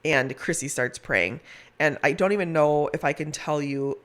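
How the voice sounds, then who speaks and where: A woman telling a personal story in conversation as a hospice nurse, in a heartfelt, emphatic way with drawn-out words. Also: deep voice, a bit bright. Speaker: hospice nurse, podcast guest.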